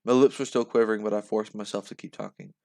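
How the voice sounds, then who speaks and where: A young man reading a story aloud, animated and chatty. He often breaks off to laugh and react to what he reads, then picks the narration back up. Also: lowish voice, quick pace, gravelly. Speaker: reader reacting live.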